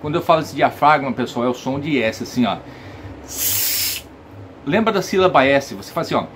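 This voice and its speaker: A man's voice: mid-range voice, expressive, fairly quick, fairly bright tone, slight background noise. A Brazilian man giving a casual saxophone lesson, explaining step by step and checking that viewers follow. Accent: Brazilian Portuguese. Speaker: saxophone teacher.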